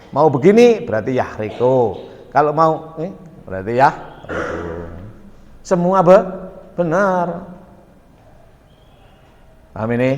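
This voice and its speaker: Man, lecturer, lively pitch, slightly high voice, echoey hall. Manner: animated, questioning students, mixing in Javanese. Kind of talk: classroom lecture. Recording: long echo of a lecture hall.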